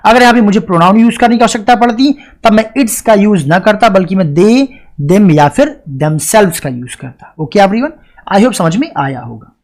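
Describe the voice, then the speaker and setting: Male grammar teacher, lecture delivery, rhetorical questions, stresses each example sentence slowly. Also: high-pitched, lively intonation. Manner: explains step by step, often asks and answers his own questions; reads English example sentences slowly and deliberately. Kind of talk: classroom lecture.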